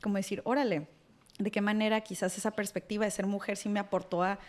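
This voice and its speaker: Animated woman psychologist explaining. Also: mid-range voice, fast. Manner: animated, voices hypothetical clients in quotes. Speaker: psychologist guest. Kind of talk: conversational explanation.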